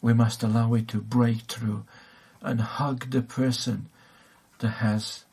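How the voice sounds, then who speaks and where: A man's voice: mid-range voice, little pitch movement, takes it slowly, gravelly, darkish tone, husky. A man preaching a sermon, hesitant, with many fillers and restarts.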